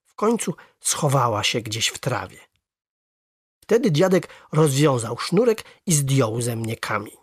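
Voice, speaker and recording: Expressive storybook narrator, husky tone, lots of pitch movement, dry studio read. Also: unhurried, no echo. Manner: lively, expressive first-person narration. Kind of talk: children's story reading.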